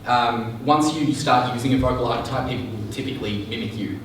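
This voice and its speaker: A male sales trainer leads a live seminar, talking in a chatty way and frequently checking that the audience is keeping up. His voice is mid-range and fairly quick. The mic is far off in an echoey room, with a little hiss or hum.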